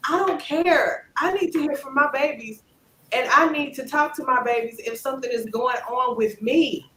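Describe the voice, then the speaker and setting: High, emphatic woman in a roomy echo. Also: moderate pace, slight background noise. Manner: animated and emphatic, drops low when doubtful. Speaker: channel host. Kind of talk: casual gossip commentary.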